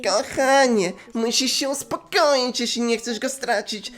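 A man voicing a gentle schoolgirl who calms her friend in a soft, motherly tone, for a game dub. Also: very high voice, unhurried, pitched above the performer's own voice. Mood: soothing.

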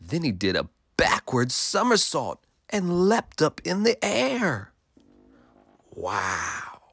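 A man's voice: high-pitched, huge pitch swings, slow pace, creaky, a bit bright, slightly rough, no echo. A male teacher reading a rhyming picture book aloud to children in a sing-song way, stopping to ask them questions.

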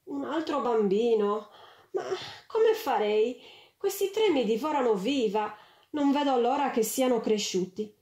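A woman's voice: a little high, expressive, measured pace, warm tone, pitched above the performer's own voice. A woman voicing a busy, harried mother of three in a storybook, exasperated, in a roomy space. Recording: roomy echo.

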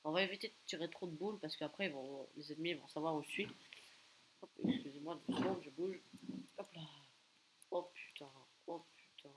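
A man rattles off live gameplay commentary at his computer, excitable and loud in bursts. He taunts the players around him and lets off strings of repeated exclamations. The line carries a faint hiss underneath. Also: on the high side, a little fast, rough recording. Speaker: gaming video creator.

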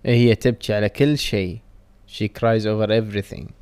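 Slow, deliberate Kuwaiti man teaching verbs. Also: on the low side, fairly even intonation, darkish tone, smooth. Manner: slow, deliberate word-by-word reading. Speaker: Arabic teacher. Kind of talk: reading vocabulary drills.

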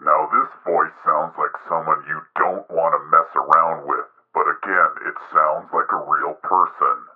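A man putting on a menacing deep voice through a voice changer. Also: steady tone, a little slow, hardly any pauses. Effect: pitch-lowering voice changer. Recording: muffled phone line.

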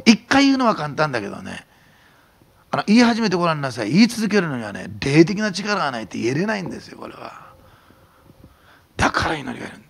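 Animated, gravelly-voiced preaching pastor. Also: male voice, a little high, fast talker, long pauses. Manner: animated preaching, drops to a hushed whisper for emphasis, then shouts. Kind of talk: sermon.

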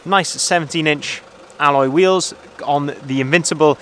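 A man's voice: fairly high pitch, moderate pace, a bit bright. Car sales guy doing a walkaround outside, friendly, a bit of lot noise. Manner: friendly, methodical, repeats phrases. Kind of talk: walkaround vehicle review. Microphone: handheld phone camera, filming himself off-screen.

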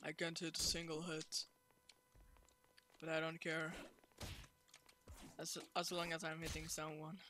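An excitable gamer talks through a match with laughter and trash talk. The delivery is slow and drawn out, with a bright, tense edge. Faint noise sits under the voice. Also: medium pitch. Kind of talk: casual gameplay commentary.

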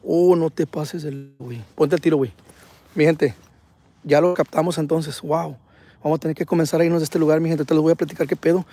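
A man hosting a live ghost-hunting stream outdoors at night, talking excitably in slang and reading viewer comments aloud. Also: fairly high pitch, fairly quick. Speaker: paranormal livestream host.

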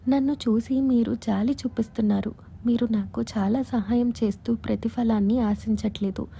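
A shy young woman confides in a soft, bashful whisper, as a woman narrator voices her in a whispered role-play. The voice is husky and mellow, pitched a little high, and close and hushed throughout. It plays like a spoken audio story. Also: fairly even intonation, moderate pace, full character voice.

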